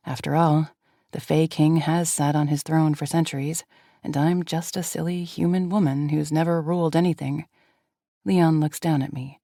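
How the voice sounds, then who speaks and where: A woman reading a fantasy romance audiobook in first person, with a soft, intimate delivery. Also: low voice, no room sound, studio quality. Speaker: audiobook narrator. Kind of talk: scripted first-person narration.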